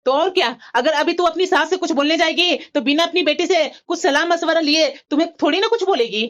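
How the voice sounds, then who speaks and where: A woman's voice: extremely high pitch, fast talker, a bit bright, lo-fi sound. A woman voicing a sympathetic elder sister-in-law in a cartoon, giving advice and urging her on. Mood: advising. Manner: advising, coaxing. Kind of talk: cartoon voice acting.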